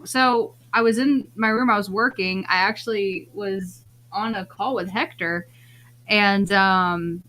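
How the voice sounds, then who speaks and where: A woman chatting on a podcast in a casual, animated way. She tells a story about her son and throws herself into the voices she quotes, pitching up for the punchlines. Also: unhurried. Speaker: podcast co-host, parent.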